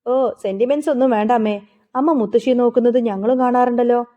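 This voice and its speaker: A woman's voice: a little high, fairly even intonation, fast talker, natural voice. A woman voicing a lazy, sneering college-age daughter. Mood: dismissive. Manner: dismissive, sneering. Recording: phone-like narrow sound.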